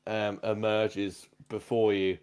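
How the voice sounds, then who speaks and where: Low-pitched man running a tabletop game. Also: monotone, slow, darkish tone, clean tone. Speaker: game master.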